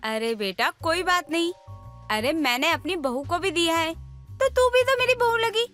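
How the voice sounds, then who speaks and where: Shrill fussy aunt. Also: female voice, animated, normal speed, a bit bright, faint music behind. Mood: coaxing. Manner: coaxing, flustered. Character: fussy middle-aged aunt, coaxing then anxious. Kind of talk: animated cartoon voice acting.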